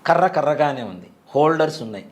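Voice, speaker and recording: A man in his forties speaks quickly, with a voice pitched a little above the usual. He tells a story in a conversational way and acts out the people he quotes. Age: 40s. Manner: vivid, animated retelling that acts out quoted voices. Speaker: interview guest recounting a temple experience.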